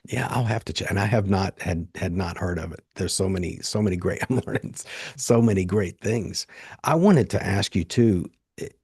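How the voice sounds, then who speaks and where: Very deep male voice, Appalachian accent, strongly husky and rough, casual podcast host. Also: normal speed, a little mellow, no echo, clean studio sound. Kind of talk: casual interview chat. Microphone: video call, close dry mic.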